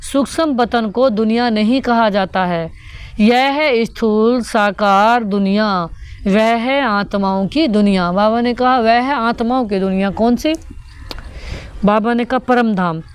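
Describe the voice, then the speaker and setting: A woman's voice: a little high, smooth. A woman giving a devotional sermon that explains the daily spiritual teaching, repeating each point and putting rhetorical questions to her listeners.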